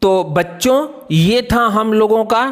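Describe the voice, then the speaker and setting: A man's voice: sits high, measured pace, faint music behind. A man teaching children to pronounce English words, spelling each one out letter by letter. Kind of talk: phonics lesson for children. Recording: long hall reverb.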